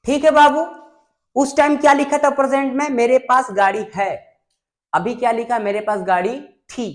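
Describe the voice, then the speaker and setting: A woman's voice: a little high, fairly even intonation, normal speed. A woman teaching English grammar in a classroom lesson, patiently repeating and drilling sentence patterns. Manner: patient, addresses students as "babu".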